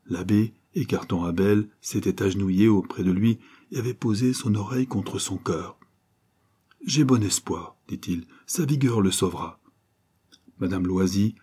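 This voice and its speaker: A man reading a nineteenth-century novel aloud in a measured, dramatic way, lifting his voice for the quoted cries. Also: sits low, mellow, husky. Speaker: audiobook reader. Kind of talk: scripted narration of a novel.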